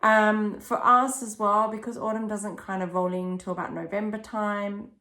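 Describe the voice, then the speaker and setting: A woman's voice: mid-range voice, fairly even intonation, normal speed, pushed and bright. A young woman chatting casually and enthusiastically as she recommends children's books, explaining things in simple, rambling phrases. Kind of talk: casual chat, book recommendations.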